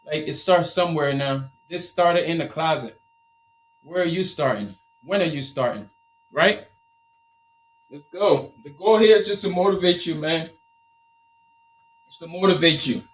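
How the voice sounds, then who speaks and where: He's a Liberian man, Liberian-accented, hosting an informal live Q&A on his t-shirt venture and restating his points with lively, motivational enthusiasm. A fairly high voice comes through a little slowly, broken by long pauses, on a low-quality recording.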